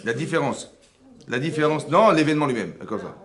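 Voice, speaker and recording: A man, a rabbi giving a lively religious lesson to a women's class, full of rhetorical questions and checks on whether his listeners follow. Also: on the high side, brisk, a crowd in the background. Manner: animated, rhetorical questions, frequent checks on understanding. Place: seminary classroom.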